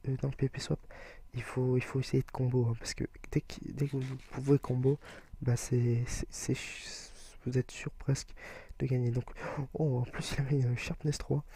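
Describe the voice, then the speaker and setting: A young man talks through his gameplay in a casual way, explaining each step with lots of hesitation fillers. His voice is gravelly and husky, very dark in tone, and stays fairly flat. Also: mid-range voice, normal speed. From France. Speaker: gaming video creator.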